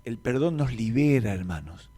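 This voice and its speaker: Male Rioplatense pastor, sermon, middling pitch, storytelling with quiet dips and loud peaks, long hall reverb. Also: animated, normal speed. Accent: Rioplatense Spanish. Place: church meeting hall.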